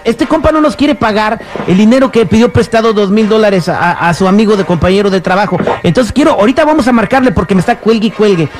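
A man with a Mexican accent hosts a morning radio show and runs a prank call. He talks fast in a high voice, brisk and mock-official, always teasing. Faint music sits behind him. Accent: Mexican Spanish. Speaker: radio host.

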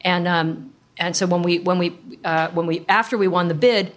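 A woman's voice: on the low side, fairly even intonation, normal speed. A middle-aged woman speaking as a startup founder in an interview, explaining things informally with plenty of industry jargon. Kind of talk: conversational interview storytelling.

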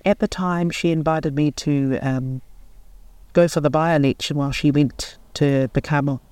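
A New woman around sixty, a local board chair, speaking in a radio interview in an earnest, unhurried way and pausing to find her words. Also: sits low, steady tone, warm tone, smooth, dry recording. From New Zealand.

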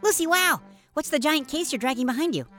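An earnest young boy superhero, eager but a little anxious, played by a woman. The voice sits high and bright, with a lively, bouncy pitch. It is a children's audio drama hero. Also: brisk, faint music behind.

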